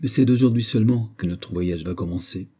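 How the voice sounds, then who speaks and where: A man's voice: brisk, mellow, slightly rough. A man voicing a boisterous, hunting-mad army captain in an audiobook, exclaiming in a raised voice. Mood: hearty. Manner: exclaiming, raised and higher than the narration.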